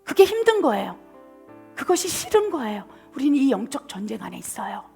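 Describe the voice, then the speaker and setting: A middle-aged woman missionary pastor preaching a passionate sermon, swinging from loud appeals down to soft whispers. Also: high voice, very animated, brisk, gravelly, soft background music.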